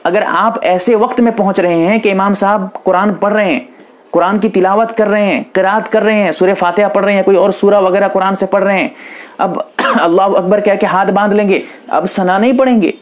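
A man's voice: high voice, fairly even intonation, brisk. A male Islamic scholar with an Indian accent explains prayer rules to his audience. He talks patiently and methodically, restating each instruction several times for emphasis. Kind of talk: religious instruction lecture.

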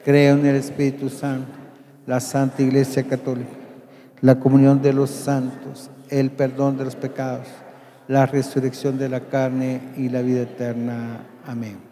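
A man leading Mass as priest, praying in a calm, deliberate, solemn way, with a long cathedral echo around his voice. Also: mid-range voice. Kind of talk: liturgical leading and prayer. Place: large church. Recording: long church reverb.

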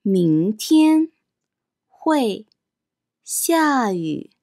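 A woman leads a very slow pronunciation drill, breaking each phrase into single syllables before repeating it whole. Her pitch moves a lot as she models the tones, with a faint gravelly edge. The sound is close and dry. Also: sing-song, darkish tone, no room sound. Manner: says each word or syllable slowly, then repeats it. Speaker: Chinese teacher.

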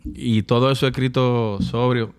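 A man's voice: medium pitch, fairly even intonation, unhurried, clean tone. A man with a Dominican accent, a podcast guest in casual banter, teasing and blunt with plenty of swearing.

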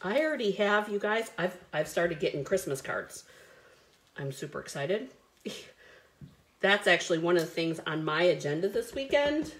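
A woman's voice: on the low side, animated, moderate pace. A woman hosting a live card-making stream, chatty and bubbly, greeting viewers by name as she works. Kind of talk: live crafting stream chat.

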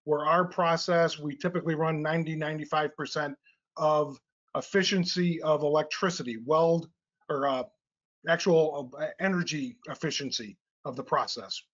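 A middle-aged man presents technical slides in a webinar, explaining step by step with frequent "uh" and "um" fillers. His fairly high voice is fairly bright and fairly even, at a normal speed, and the lo-fi webinar audio sounds slightly dull.

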